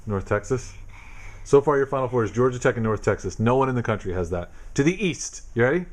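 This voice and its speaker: A man's voice: medium pitch, expressive, fast. A man casually quizzing his young daughter at home, asking questions patiently and teasing her. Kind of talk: casual home video chat.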